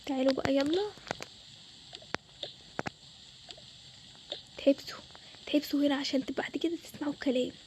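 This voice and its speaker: A woman's voice: high-pitched, fairly even intonation, rapid-fire, slight background noise, voice pushed down, lightly acted. A young woman voicing a strict, short-tempered mother who scolds and threatens her children, speaking with an Egyptian Arabic accent. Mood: threatening. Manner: scolding, loud, harsh. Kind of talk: storytelling with toy game figures.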